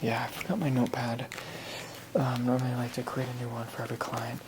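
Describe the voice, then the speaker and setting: An ASMR role-play by an ASMR performer as a gentle, attentive massage therapist, soothing and instructional. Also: medium pitch, little pitch movement, noisy background. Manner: soothing, slow counting, instructional. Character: gentle, attentive massage therapist talking a client through treatment.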